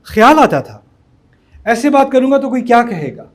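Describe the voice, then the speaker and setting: Addressing university students in a motivational talk, a man from Pakistan speaks in a loose, storytelling way. His voice is fairly high for a man and sing-song, and he slips English words into his speech.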